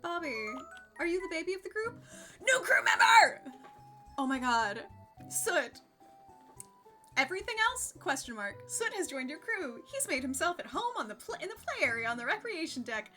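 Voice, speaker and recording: A woman's voice: sits high, very animated, normal speed, bright, forceful tone, soft background music. A young adult woman streaming a game live, chatting casually with frequent giggles and reading game text aloud.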